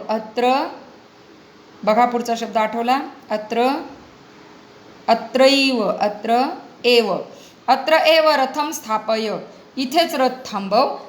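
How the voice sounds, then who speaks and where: Female Sanskrit teacher, a bit high-pitched, reciting slowly and explaining line by line, with frequent checks on her class, in an echoey room. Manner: slow, deliberate recitation of Sanskrit lines, then explanation; often checks understanding with the class. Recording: roomy echo.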